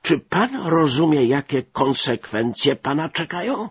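A man's voice: fairly high pitch, big pitch swings, a little slow, breathy edge, no room sound, dull audio, pitched above the performer's own voice, full character voice. A man voicing a stern, officious British major who gives orders and makes threats. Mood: stern demanding.

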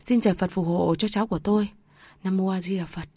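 A woman's voice: medium pitch, fairly even intonation, fast talker, dark tone, no room sound, natural voice. A woman reading aloud voices a grieving grandmother who scolds shrilly and murmurs prayers. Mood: hushed praying. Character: sharp-tongued grieving grandmother.

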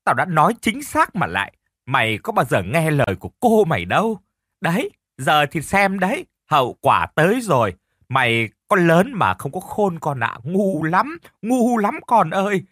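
Guy doing a bossy mean old auntie, yelling all over the place, dry close sound. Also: fairly low pitch, big pitch swings, a little fast, no echo. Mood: furious. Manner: scolding, mocking, bossy. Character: harsh scolding older aunt, sharp-tongued woman.

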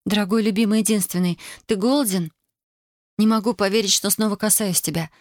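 A woman's voice: medium pitch, fairly quick, no room sound, studio quality, lightly acted. A woman doing a pleading young wife. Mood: tender. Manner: pleading, breathless and tender.

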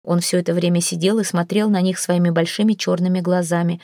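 A woman narrating an audiobook story in an even, measured way. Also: fairly low pitch, no echo, clean studio sound. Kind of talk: scripted narration.

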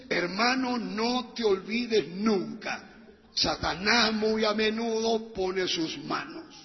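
A man preaching a sermon, telling a story dramatically, with a hoarse voice, often calling listeners brother. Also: high voice. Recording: dull sound with long hall reverb.

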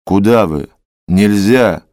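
A man's voice: on the low side, slow pace, a little mellow, no echo, studio quality. A man voicing a stern male hospital guard who gives short, blunt orders in a classic story reading. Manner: curt, commanding.

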